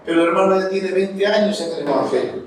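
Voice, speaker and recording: A man's voice: sits high, quick pace, a little hiss or hum. A man preaching a sermon to his congregation, calling them brothers. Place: church. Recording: very echoey church hall, mic far off.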